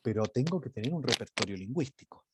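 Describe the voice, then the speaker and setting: A man's voice: mid-range voice, lively intonation, fast talker, background noise. A man teaching a leadership class online, talking emphatically and varying his intonation. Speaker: leadership course instructor. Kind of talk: online lecture.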